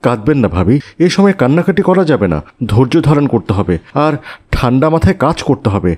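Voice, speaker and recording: A man's voice: mid-range voice, quick pace. A man voicing a caring, earnest father and neighbor in a cartoon. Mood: concerned. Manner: earnest, calming. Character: caring middle-aged father and neighbor, calm.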